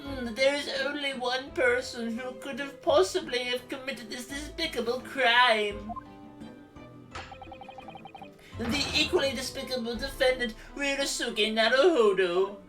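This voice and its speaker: A woman playing a smug, menacing prosecutor in a video game, speaking in a measured, haughty, formal manner. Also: high-pitched, distant mic, over music, close to an everyday voice. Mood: accusing. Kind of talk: video game character dub.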